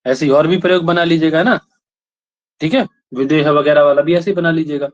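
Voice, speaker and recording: Male teacher, slightly high voice, drills students with repeated questions, dull lo-fi recording. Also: brisk. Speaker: Sanskrit grammar teacher. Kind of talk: classroom lesson, questioning students. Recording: dull lo-fi sound.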